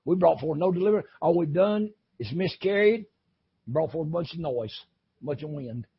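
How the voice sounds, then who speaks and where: A man preaching an impassioned sermon, swinging from shouting to low, intense talk. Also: animated, normal speed, breathy edge, muffled recording. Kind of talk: fiery sermon.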